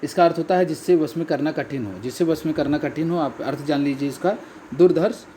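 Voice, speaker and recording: Male exam tutor, mellow fairly high voice, repeats key words, faint noise behind. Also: brisk. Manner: repeats key words, addresses listeners as friends. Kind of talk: test answer walkthrough.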